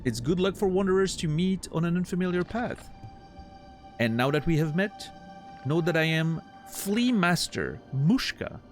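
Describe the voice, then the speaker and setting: A man plays a grandiose flea caravan master for a video game. The delivery is that of a courtly showman, flowery and theatrical, with pitch that swoops widely. Music plays behind. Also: expressive, moderate pace, natural voice. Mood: grandiose welcome. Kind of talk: dramatic read-aloud of video game dialogue.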